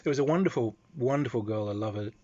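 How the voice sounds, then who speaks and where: A man with an Australian accent telling casual convention anecdotes in an animated, loose storytelling manner. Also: mid-range voice, fast talker, lo-fi sound.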